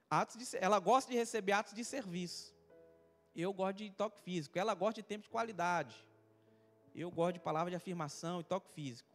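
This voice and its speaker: A Brazilian pastor with a strikingly high voice preaches in a relaxed, joking way, tossing questions to his listeners. His words ring through a church hall with a long reverb, and soft music plays behind him. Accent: Brazilian Portuguese. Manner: humorous, chatty, asks the congregation questions. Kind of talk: conversational sermon with personal stories.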